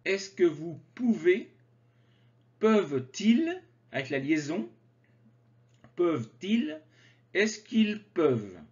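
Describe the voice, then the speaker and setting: A man teaching French grammar, slowly and carefully articulating conjugation drills. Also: fairly high pitch, big pitch swings, a little mellow. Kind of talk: slow grammar lesson with drills. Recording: slightly dull lo-fi sound.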